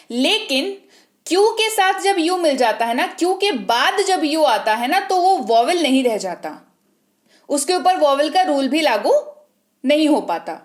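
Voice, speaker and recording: A woman teaching English spelling rules, patiently spelling words out letter by letter and asking herself questions before answering them. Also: high-pitched. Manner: patient, asks and answers her own questions. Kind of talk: spelling lesson in Hindi.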